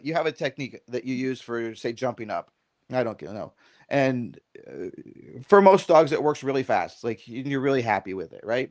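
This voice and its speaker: A middle-aged man with a mid-range voice guests on a podcast as a dog trainer. He rambles casually, keeps saying "right?" to check in, and tells stories in an animated way, acting out little quotes.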